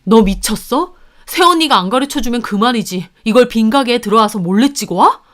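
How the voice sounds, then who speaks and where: A woman's voice: a little high, animated, fairly quick, fairly bright tone. A woman voicing an exasperated young husband who firmly scolds his sister and his mother. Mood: reproachful.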